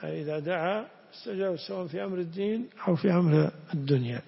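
Male religious teacher, slightly high and gravelly, explains a text and quizzes students, lo-fi recording in a reverberant hall. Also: fast. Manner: reads a text, then explains it and questions students. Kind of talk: religious lesson explaining hadith. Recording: echoey hall, dull lo-fi sound.

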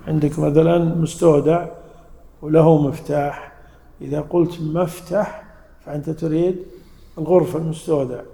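A man teaching a classroom lesson on scripture, explaining slowly and stopping to check words with his students. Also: a little high, little pitch movement, vocal fry, mellow. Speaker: teacher of Quran interpretation. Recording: echoey room, long reverb.

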